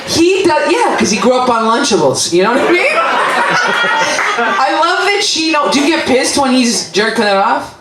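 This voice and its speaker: A woman with a Canadian accent, her voice high and sing-song at a normal speed, works through a profane stand-up set with crowd work at a comedy club. She's brash and chatty, cursing freely and laughing at her own jokes. The club is echoey, the mic sounds far off, and a loud crowd adds heavy background noise.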